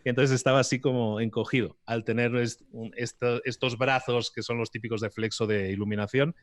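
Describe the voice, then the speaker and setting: Male podcast guest, animated explainer, mid-pitched, dry close miking. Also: fairly quick, no echo. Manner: animated, explanatory, gesturing while speaking. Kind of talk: conversational interview. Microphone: podcast mic on an articulated arm.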